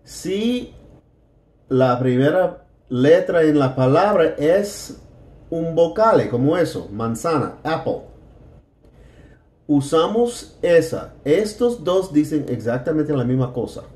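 A man teaching a beginner lesson in Spanish, slowly repeating words for learners to copy. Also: a little high, sing-song, darkish tone, roomy sound. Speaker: English teacher.

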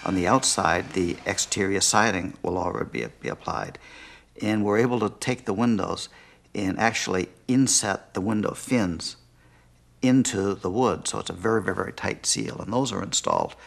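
A man's voice: deep voice, animated, moderate pace, vocal fry, a bit bright. An older man, a company CEO, explaining his work thoughtfully in an interview in a living room. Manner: thoughtful, gestures as he explains, restarts mid-phrase.

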